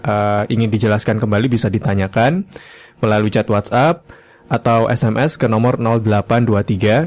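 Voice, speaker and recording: A man hosting a live religious lesson on the radio, speaking politely and in a measured way straight to listeners. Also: fairly low pitch, a little mellow. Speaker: radio host.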